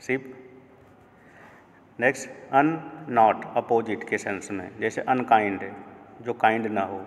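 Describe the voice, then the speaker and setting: A man teaching a grammar lesson on a video channel, breaking words into parts and explaining them in Hindi, slowly and deliberately. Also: mid-range voice, in a large hall. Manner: slow, deliberate, spelling out word parts and glossing them in Hindi. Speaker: English teacher.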